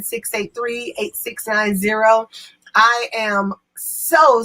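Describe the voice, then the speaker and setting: A woman's voice: a little high, sharp tone. A woman in her fifties hosting an online talk show from her home office, chatty and upbeat. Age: 50s. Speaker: show host.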